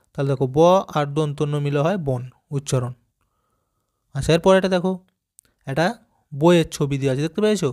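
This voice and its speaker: A man teaching young children to read, sounding out letters slowly and patiently and asking them simple questions as he goes. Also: on the high side, darkish tone. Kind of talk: primary school reading lesson.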